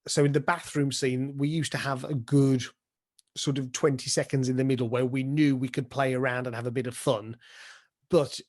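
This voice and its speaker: In a relaxed interview on the craft of the stage, a British man who performs as a pantomime dame and also directs speaks with enthusiasm and lots of examples. His mid-range voice shows little pitch movement and keeps a moderate pace.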